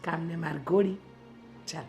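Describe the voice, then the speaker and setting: Sly scheming friend. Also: female voice, deep voice, steady tone, normal speed, dark tone, faint music behind. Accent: Gujarati.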